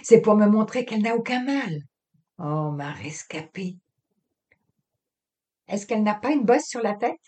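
Woman doing a soft doting young husband in a read-aloud novel, fond and coaxing. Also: mid-range voice, sing-song, measured pace, pauses often, voice pushed up. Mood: tender. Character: young man, gentle, doting cat owner.

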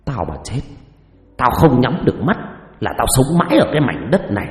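A man voicing the vengeful ghost of a hanged man, cursing in a low, menacing voice, with roomy reverb and music behind. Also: sing-song, a little fast, natural voice.

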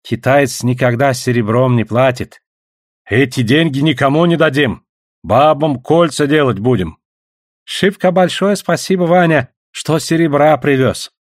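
A man's voice: mid-range voice, unhurried, no room sound, studio quality, close to an everyday voice. A man voicing an eager native villager who speaks broken, pidgin-like phrases. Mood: grateful. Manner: broken pidgin speech, exclamatory. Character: jubilant native man Chumboka, grateful and eager.

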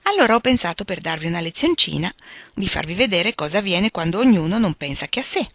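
A woman voicing a gentle, wise mother who speaks in a patient, instructive tone, in a dry recording. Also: on the low side, big pitch swings, fast talker, dry recording, full character voice.

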